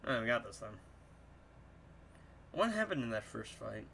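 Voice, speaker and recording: A man's voice: medium pitch, normal speed, vocal fry, slight background noise. A young man giving casual, joking commentary to his chat while he plays a video game. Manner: excitable, joking, talks to chat. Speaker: streamer.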